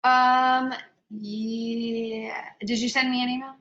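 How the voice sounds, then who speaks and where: Bright-voiced woman on a roomy video call. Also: fairly high pitch, little pitch movement, lo-fi sound. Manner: upbeat, quick acknowledgements. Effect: video call audio. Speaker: webinar moderator. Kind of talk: moderating a panel webinar.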